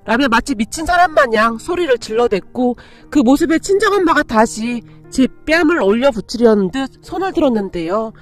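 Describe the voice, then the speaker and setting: A woman narrating a first-person story in a steady reading voice. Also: on the high side, moderate pace, hardly any pauses. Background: faint background music.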